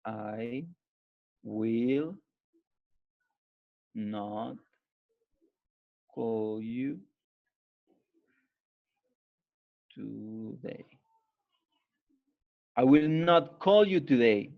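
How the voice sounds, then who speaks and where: Male teacher, mid-pitched, slow and patient, explaining step by step; muffled lo-fi class recording. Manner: slow, patient, repeats "¿listo?" after each point. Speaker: English teacher. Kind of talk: online class explaining grammar. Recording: dull lo-fi online class audio.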